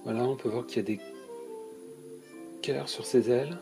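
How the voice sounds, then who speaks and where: This YouTuber's mid-range voice carries vocal fry and a steady tone at normal speed, with music behind it. Stuffy with a cold, he unboxes toys for his channel, talking through each item casually and hesitantly and using many fillers.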